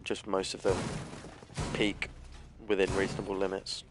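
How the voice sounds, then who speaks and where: Man casting a game, low voice. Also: completely flat delivery, moderate pace, background noise. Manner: casual, analytical, filler-heavy. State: has the hiccups. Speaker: esports caster. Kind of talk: live game commentary.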